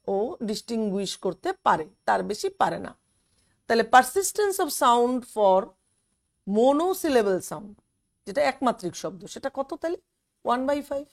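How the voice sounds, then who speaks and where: A woman's voice: on the high side, a bit bright. A woman teacher explaining a physics lesson step by step, with many fillers and English terms. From West Bengal, India.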